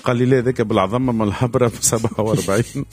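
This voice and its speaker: A man's voice: medium pitch, steady tone, rapid-fire, a little mellow, breathy edge, faint music behind. A Tunisian man co-hosting casual radio chat, often breaking off and restarting his words. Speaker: radio co-host.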